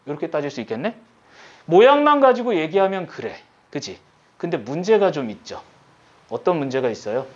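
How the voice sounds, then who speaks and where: A male teacher giving a recorded lesson, talking the class through a problem step by step and checking in with many quick questions. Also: fairly high pitch, highs cut off. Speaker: high school Korean teacher.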